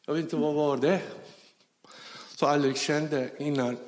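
A man telling his personal conversion story, animatedly acting out the dialogue, with halting, non-native phrasing. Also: on the high side, steady tone, a little mellow. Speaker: testimony speaker. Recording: reverberant hall.

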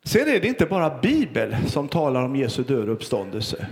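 A middle-aged man preaching a sermon as pastor, earnest and storytelling, with pauses and fillers. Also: mid-range voice, wildly swooping pitch, long reverb tail.

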